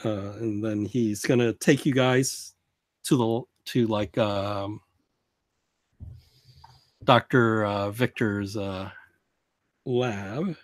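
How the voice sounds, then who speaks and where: Halting, informal man as game master. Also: lowish voice, fairly even intonation, dry recording. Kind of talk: casual narration of a tabletop game.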